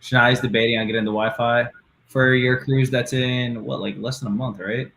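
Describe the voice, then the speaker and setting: A man's voice: medium pitch, fairly even intonation, moderate pace, gravelly, a bit bright. A man co-hosting a casual livestream, reading viewer comments aloud in an upbeat way and laughing often. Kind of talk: casual live-stream chat.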